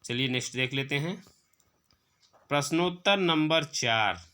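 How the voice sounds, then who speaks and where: A man's voice: fairly high pitch, bright, forceful tone. A man teaching an exam-prep lesson, reading questions aloud and then explaining and dictating the answers. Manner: slow, drawn-out recital when reading verse.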